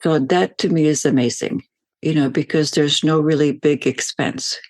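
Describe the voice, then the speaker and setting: A woman's voice: low-pitched, fairly even intonation, normal speed, darkish tone, no room sound. An older woman from Belgium, a veteran ambassador, answering interview questions in a rambling, storytelling way with many fillers.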